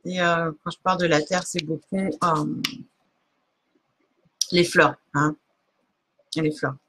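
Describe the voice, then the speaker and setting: A woman's voice: sits low, steady tone, takes it slowly, fairly bright tone, breathy edge. A woman giving a live oracle card reading on a stream, casual and hesitant, stopping often to search for words. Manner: many fillers and restarts, laughs at herself.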